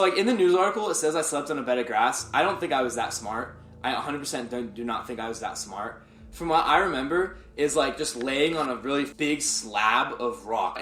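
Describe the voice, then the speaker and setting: A man's voice: mid-range voice, fairly bright tone, slight background noise. A young man casually telling a personal story to his viewers, rambling and filling his speech with "like". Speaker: vlogger. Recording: roomy echo.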